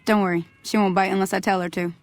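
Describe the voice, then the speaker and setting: A woman's voice: medium pitch, level tone, quick pace, soft background music, lightly acted. A woman voicing a friendly, tough frontier woman with a dog in a video game, speaking casually.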